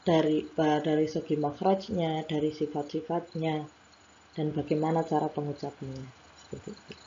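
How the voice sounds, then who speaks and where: A woman with an Indonesian accent teaching Arabic phonetics, patiently explaining and modelling sounds slowly for students to repeat. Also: low voice, fairly even intonation, warm tone, lo-fi sound, a little hiss or hum. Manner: slow, patient explaining with repeated demonstration syllables.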